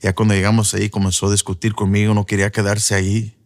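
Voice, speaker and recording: A man's voice: lowish voice, completely flat delivery, fast talker. A man giving an earnest personal testimony as a preacher, slipping in English fillers. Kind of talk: emotional first-person testimony.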